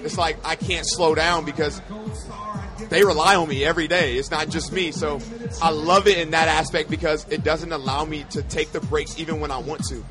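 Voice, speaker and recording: A man in his thirties, an athlete and coach, talking casually in an interview in long, energetic run-on lists. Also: fairly high pitch, moderate pace, music in the background.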